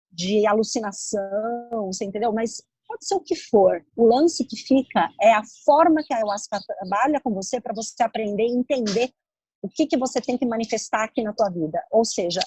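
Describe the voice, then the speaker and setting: A woman co-hosting a podcast, telling a personal story in a lively, conversational way full of casual fillers. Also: a little high, slightly rough, no echo, low-quality recording. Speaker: podcast co-host.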